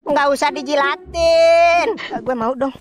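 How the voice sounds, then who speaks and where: A woman, streaming and reacting to an animated comedy podcast, talking in lively, slangy, teasing banter with loud outbursts. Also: sits high, measured pace, faint music behind. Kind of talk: playful comedic voicing of cartoon dialogue.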